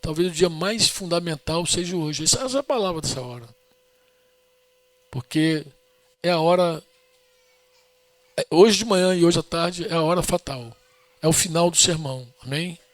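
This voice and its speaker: A man's voice: on the high side, normal speed, pauses often, no room sound. A middle-aged man with a Brazilian Portuguese accent preaching a sermon in an earnest, storytelling way, often asking the congregation to say amen.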